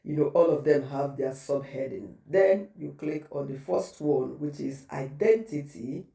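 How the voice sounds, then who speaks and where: A man's voice: fairly high pitch, vocal fry, dark tone. Man guiding viewers in an echoey room. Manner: patient instructional, repeating steps. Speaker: tutorial host. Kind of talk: step-by-step how-to guide. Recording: echoey room, distant mic.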